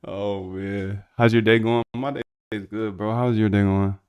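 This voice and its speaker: In a casual screen-share, a man chats with his viewers as he works, rambling and using plenty of slang. His voice sits on the low side, fairly even in intonation, a little mellow, clear and resonant, at normal speed.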